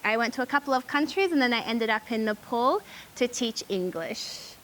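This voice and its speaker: A young woman with an Australian accent and a fairly high voice tells her story in a relaxed way. She hesitates often and fills the gaps with ums. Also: moderate pace, slight background noise, rough recording. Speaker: charity founder. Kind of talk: casual storytelling.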